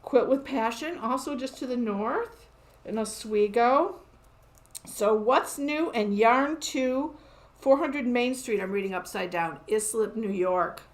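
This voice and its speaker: A woman's voice: a little high, takes it slowly. Chatty, upbeat woman hosting a live show. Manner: chatty, upbeat, laughs often. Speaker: quilt shop host. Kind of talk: casual live show-and-tell. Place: quilt shop.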